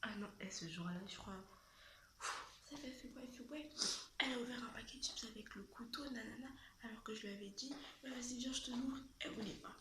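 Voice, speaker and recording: A woman's voice: fairly high pitch, fast, pushed and bright, reverberant, a little hiss or hum. A woman telling a childhood story in casual, slangy chat, often dropping to a half-whisper.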